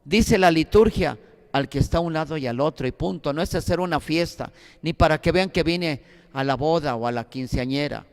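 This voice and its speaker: Sacerdote mexicano dando clase bíblica, voz algo aguda y rasposa, tono exhortativo, sala con eco largo. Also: male voice, a little high, normal speed, long reverb tail. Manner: earnest, exhortative, anecdotal. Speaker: priest teaching a Bible course. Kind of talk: Bible class lecture.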